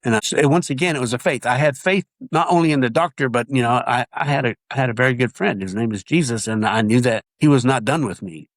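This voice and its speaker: A man with a nasal, mid-range voice earnestly shares his testimony in a casual interview, halting and restarting his sentences again and again. The recording has no room sound.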